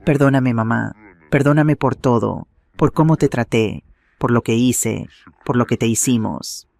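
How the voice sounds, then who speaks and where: A man's voice: mid-range voice, unhurried, vocal fry, a little mellow. A man doing an earnest grown son. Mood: remorseful.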